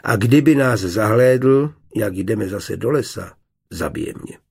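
A man voicing a proud young village woman, quiet and reproachful, in a storybook reading. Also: fairly low pitch, animated, gravelly, slightly rough, exaggerated voice.

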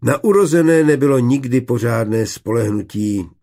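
A man's voice: mid-range voice, animated, gravelly, dark tone, pitched above the performer's own voice. A man reading an audiobook, voicing a good-natured young male student and loyal friend. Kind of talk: audiobook character voice.

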